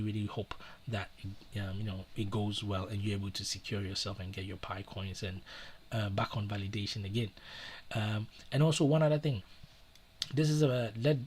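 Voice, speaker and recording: A man's voice: fairly low pitch, slight background noise. A man hosting a live stream and giving casual advice in an earnest, repetitive way, with many fillers and restarts. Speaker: livestream host.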